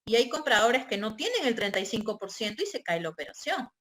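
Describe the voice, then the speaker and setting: A woman's voice: fairly high pitch, sing-song, fast talker, fairly bright tone. A woman giving an online real estate training lecture, explaining step by step and checking in with her listeners. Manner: explanatory, checks in with tag questions.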